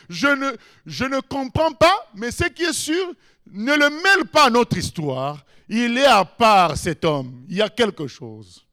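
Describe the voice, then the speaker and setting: A man's voice: on the high side, voice pushed down. A man voicing a repentant crucified male thief who speaks with urgent emphasis.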